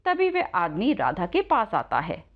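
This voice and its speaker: A woman telling a moral story with lively, expressive narration. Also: lowish voice, unhurried, narrow, tinny audio.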